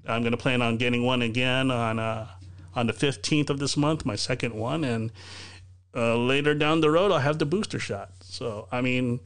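Speaking in a clear, resonant, medium-pitched voice, a podcast host broadcasts live by video call from his bedroom at home. He chats casually, wanders, and often restarts sentences amid lots of filler words.

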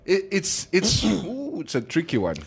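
A man's voice: high voice, huge pitch swings, a little slow, vocal fry, husky. A man with a South African accent co-hosting a casual chat. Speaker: talk show co-host.

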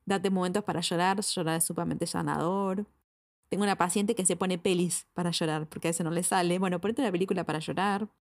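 Animated Argentine woman giving advice. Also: fairly low pitch, fast. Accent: Argentine Spanish. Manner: animated, direct, repeats words for emphasis. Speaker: psychologist. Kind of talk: advice talk to camera.

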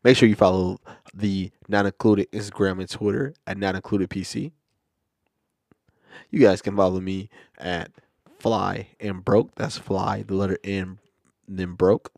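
A man putting on the voice of an airline pilot making smooth cabin announcements, in a slow, calm announcer delivery. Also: lowish voice, no room sound, clean studio sound. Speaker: podcast co-host. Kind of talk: casual podcast chat.

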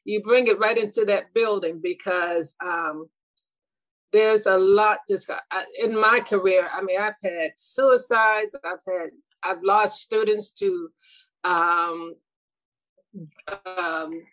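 A middle-aged woman, once a school administrator, speaks earnestly and reflectively in a casual interview, often restarting sentences and laughing softly. Her mid-range voice moves slowly. The recording is rough but has no echo.

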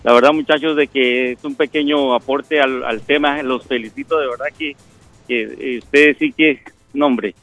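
A man calling into a radio show, polite and measured as he makes his point. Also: mid-range voice, steady tone, fairly bright tone, lo-fi sound, faint music behind. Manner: polite, measured, addresses hosts "muchachos". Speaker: radio caller. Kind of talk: casual call-in opinion.

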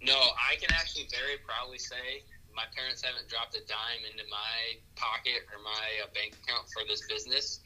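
A man's voice: medium pitch, steady tone, a little fast, hardly any pauses, bright, forceful tone, a little hiss or hum, low-quality recording. A man in his late teens answering interview questions in a plain, matter-of-fact way. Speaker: guest, young shop owner.

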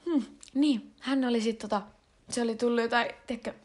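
Rambling slangy young woman, fairly high voice. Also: steady tone, a little mellow. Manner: rambling and slangy, with frequent fillers and English words mixed in. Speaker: vlogger. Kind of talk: casual confessional chat.

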